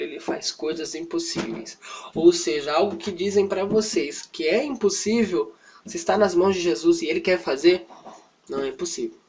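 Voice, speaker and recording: A man's voice: fairly high pitch, low-quality recording. A man, telling a Bible story to children in a chatty, informal way and lightly acting out the quotes. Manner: chatty, often adds "né", acts out quotes lightly. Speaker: children's Sunday school teacher. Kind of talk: casual Bible story lesson for kids.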